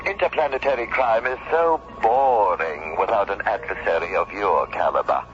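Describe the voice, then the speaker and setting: An actor playing a suave criminal mastermind professor in a radio drama, theatrical and drawn-out, with mock courtesy. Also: male voice, lowish voice, animated, muffled recording, slight background noise, lightly acted. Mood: gloating, taunting. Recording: band-limited old radio recording over music.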